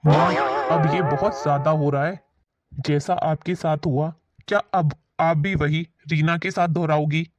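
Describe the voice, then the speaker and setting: A woman's voice: deep voice, fairly even intonation, a little slow, darkish tone, no echo, lo-fi sound, faint music behind. A woman playing a grown son who pleads with his mother for his sick wife. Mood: reproachful. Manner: pleading, reproachful. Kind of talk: family drama acting.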